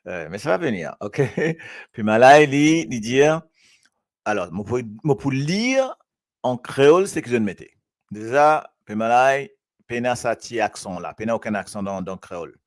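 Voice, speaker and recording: A man from Mauritius, hosting a live show and reading viewers' comments aloud in a lively, chatty way. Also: mid-range voice, normal speed. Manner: lively, switching between French and Creole, reading comments aloud. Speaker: host.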